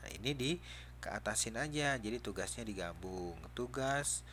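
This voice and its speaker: A man's voice: fairly low pitch, expressive, moderate pace, pushed and bright, a little hiss or hum. A man teaching a computer class, patiently coaxing students and asking them questions as he walks them through the steps. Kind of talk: classroom lesson.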